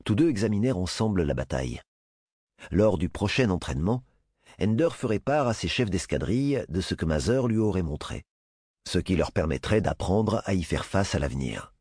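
A man narrating a novel as an audiobook in an expressive storytelling manner. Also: low voice, moderate pace, slightly rough, dry recording, studio quality. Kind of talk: scripted narration.

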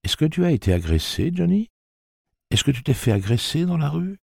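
A man with a low voice reading a novel aloud, playing a timid, fragile mother who pleads in a high voice. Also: big pitch swings, fairly quick, vocal fry, darkish tone, husky, no room sound, studio quality, exaggerated voice. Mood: pleading.

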